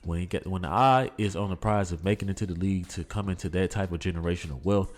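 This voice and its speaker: A man's voice: deep voice, fast. A man hosting a sports podcast, talking through the news loosely with lots of fillers and rhetorical questions. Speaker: podcast host. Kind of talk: casual sports commentary. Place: home setup, voice-over on photos.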